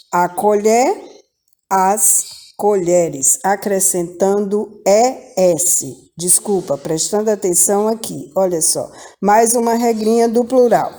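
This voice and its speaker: Woman, Brazilian Portuguese accent, primary school teacher; patient, very slow, warm mellow tone. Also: mid-range voice. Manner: slow, patient, repeats examples with rising emphasis. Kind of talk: grammar lesson for children.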